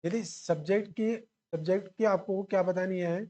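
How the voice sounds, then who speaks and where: A man's voice: high-pitched, moderate pace, warm tone. A male English teacher giving an exam-prep lecture at a whiteboard, asking the class questions and answering them himself while repeating key words. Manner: mixes English grammar terms into Hindi explanation.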